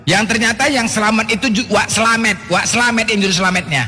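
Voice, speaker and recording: A man's voice: high voice, steady tone, quick pace, bright, forceful tone. A man hosting a heated online debate, mocking and taunting his opponents. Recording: echoey room with background noise.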